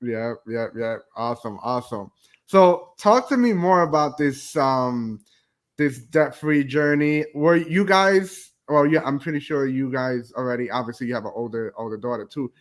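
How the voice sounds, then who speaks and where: A man's voice: medium pitch, expressive, normal speed. A young adult man from New Jersey hosting a casual interview over a video call, rambling and restarting his questions. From New Jersey, USA. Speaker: host.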